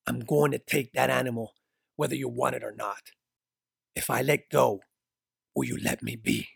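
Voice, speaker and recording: Cold, curt killer drifter, low and clipped, voiced by a man reading a story, dry close recording. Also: wildly swooping pitch, normal speed, vocal fry, breathy edge, no room sound, heavily acted. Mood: threatening. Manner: curt, threatening. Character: cold menacing male drifter, ruthless and terse.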